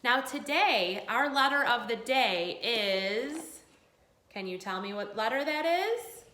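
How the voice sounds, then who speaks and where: A woman teaching young children like a kids show host, encouraging and sing-song, pausing for them to answer. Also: a little high, animated, sharp tone, reverberant. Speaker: early grade school teacher leading a remote morning class. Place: indoors at a school.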